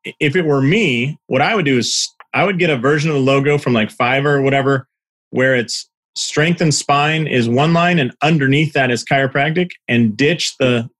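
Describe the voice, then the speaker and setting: A man's voice: medium pitch, moderate pace, fairly bright tone. A man on a video call from his desk, giving a coach's feedback on a website. He is direct and encouraging, and he stammers a little as he starts his points.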